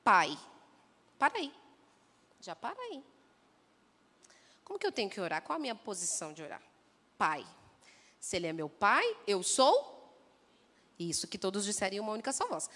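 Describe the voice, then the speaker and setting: A woman preaching a sermon who talks straight to the congregation and mimics people in a lively way. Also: high-pitched. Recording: long echo of a church hall.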